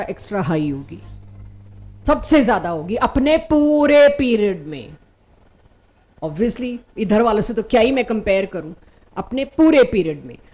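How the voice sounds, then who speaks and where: A woman teaching a chemistry class, her voice sitting a little high. She explains concepts step by step and gives short, firm commands to her students. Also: darkish tone. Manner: explains step by step, mixing Hindi and English terms. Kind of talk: recorded online lecture.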